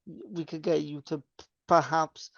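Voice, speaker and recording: Unhurried and flat, a young man rambles through casual chat as co-host of a metal podcast, filling it with fillers and false starts. His somewhat high voice carries a smooth, gravelly quality, captured dry and dull as if through a lo-fi podcast mic.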